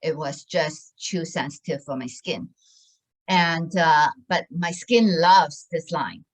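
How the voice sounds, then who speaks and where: A woman's voice: low-pitched, takes it slowly, low-quality recording. A woman in her sixties giving a casual sales talk about a wellness program, hesitant and full of fillers and restarts. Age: 60s. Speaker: wellness product presenter.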